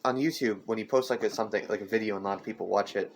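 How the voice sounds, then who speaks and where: A man's voice: on the low side, a little hiss or hum. Teen male podcast host, casual and rambling, homemade desk mic with audible clicks and knocks. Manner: rambling, halting, full of fillers and restarts. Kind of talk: casual chat. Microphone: amateur desk mic.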